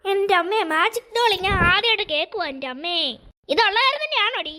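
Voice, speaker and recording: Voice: extremely high pitch, animated, fairly quick, sharp tone, heavily acted. A performer voicing a caring older brother in a cartoon, talking in a coaxing way. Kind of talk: cartoon voice acting.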